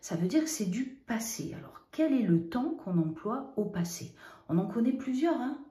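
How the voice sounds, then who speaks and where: A woman gives a children's spelling lesson in a patient, guiding way. She poses questions and answers them herself, spelling out endings letter by letter. Her voice is mellow and dark, heard in a room with noticeable echo. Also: on the high side, sing-song, moderate pace. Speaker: teacher.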